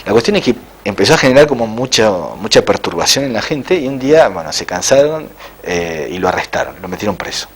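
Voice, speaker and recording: A middle-aged man, an interviewed author, telling a spiritual story in a halting way with frequent "eh" fillers. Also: fairly low pitch, very animated, husky.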